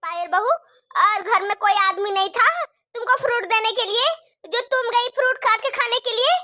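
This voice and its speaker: A woman's voice: very high-pitched, normal speed, noisy background. A woman voicing a nagging, taunting middle-aged mother-in-law in a cartoon story. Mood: accusing. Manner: sharp, taunting, complaining.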